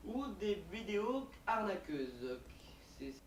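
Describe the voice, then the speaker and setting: A man's voice: sits high, big pitch swings, takes it slowly. A man doing amateur video commentary, hesitant and stumbling over his words, recorded in an echoey room far from the mic with faint hiss. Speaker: youtuber in his old video.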